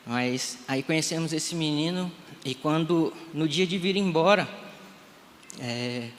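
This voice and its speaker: A man in his thirties, a Brazilian pastor, tells a heartfelt testimony at a live service and voices each exchange he recalls. His voice sits a bit high for a man. It rings out through a reverberant sanctuary over faint room noise. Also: slow pace. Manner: emotional storytelling, re-enacting dialogue. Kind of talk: live church testimony sermon. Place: church sanctuary.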